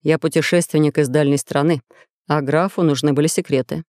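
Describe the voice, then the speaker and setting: A storyteller voicing a composed, earnest captive traveller who keeps steady even under threat, recorded dry. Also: male voice, fairly high pitch, a little fast, dry recording, voice pushed down, lightly acted. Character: calm, self-possessed captive male traveller.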